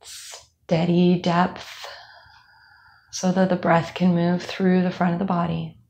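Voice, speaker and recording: A young woman instructor leading a calm guided body scan meditation, speaking slowly with soft fillers. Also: on the low side, creaky. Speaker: movement instructor.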